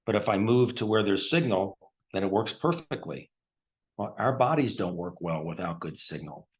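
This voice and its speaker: A retired surgeon in his sixties presents a health product step by step in plain explanatory terms, clearing his throat often and repeating his points simply. His lowish voice has lively intonation and a moderate pace, on dull, lo-fi audio.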